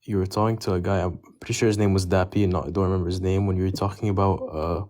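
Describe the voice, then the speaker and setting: A man from South Lebanon calling into a live stream, speaking in an earnest, measured way. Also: low-pitched, flat delivery, a little mellow.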